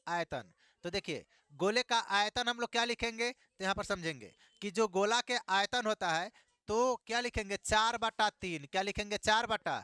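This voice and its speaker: A man's voice: sits high, bright, forceful tone, no echo, clean studio sound. A man teaching a math lesson, repeating key words back as questions and adding playful asides.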